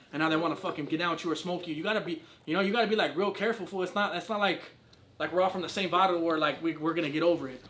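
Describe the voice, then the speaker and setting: A man's voice: high-pitched, fairly bright tone, echoey room. A man from Southern California, a rapper guesting on an interview, talking casually and passionately in heavy street slang with lots of swearing.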